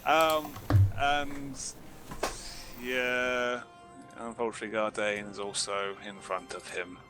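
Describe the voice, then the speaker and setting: A man's voice: medium pitch, little pitch movement, slow pace, over music. A man running a tabletop game as dungeon master, hesitant with fillers.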